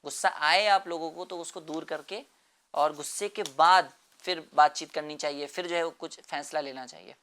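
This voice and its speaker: A man's voice: a little high, steady tone, fairly bright tone, smooth. A man explaining a moral lesson to children in an earnest way, repeating phrases and often checking with "right?".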